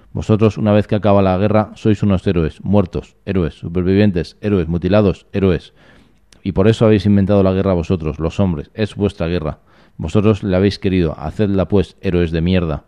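A man's voice: low-pitched, mellow, dull audio, close to an everyday voice. A man reading the scornful, accusing lines of a bitter wartime woman in a storybook reading.

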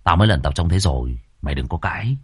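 A man's voice: a bass voice, lively intonation, a little slow, no echo, studio quality, voice pushed down, exaggerated voice. A man voicing a timid young male servant who stammers and talks deferentially. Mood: grumbling.

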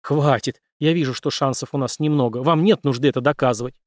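A man's voice: medium pitch, brisk, no echo, clean studio sound, lightly acted. A man voicing a captured male officer who answers in a curt, guarded way.

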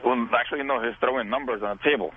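A man's voice: mid-range voice, racing, slightly rough. A man, calling into a radio show, hesitant and full of fillers. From Syria. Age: 20s. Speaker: caller. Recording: tinny phone line.

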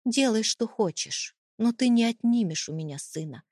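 A woman's voice: fairly high pitch, expressive, moderate pace, darkish tone, dry recording, voice pushed up. Brief: woman playing a frightened, defiant young mother, dry close audiobook read. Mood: desperate defiance. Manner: pleading, defiant, tearful. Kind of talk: audiobook character reading.

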